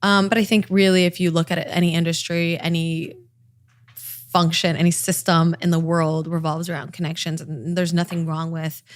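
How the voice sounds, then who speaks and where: A woman with a Californian accent and a slight vocal fry, chatting casually as a podcast guest with lots of fillers. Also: lowish voice, little pitch movement, moderate pace. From Los Angeles. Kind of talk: casual chat.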